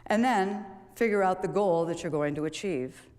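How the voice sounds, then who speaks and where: A woman speaks from the stage of a large auditorium, giving a motivational talk in a chatty, storytelling way. Her voice sits on the low side, and the hall adds a long, lingering reverb. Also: normal speed, darkish tone. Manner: conversational, storytelling, with rhetorical questions. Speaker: public speaker and golf coach.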